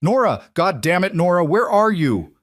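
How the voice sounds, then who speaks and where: A man doing a gruff, rough-edged frontier farmer from a storybook western, talking with low, earnest weight. The voice sits deep and is recorded close and dry. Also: lively intonation, moderate pace, darkish tone, dry recording. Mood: frantic shouting.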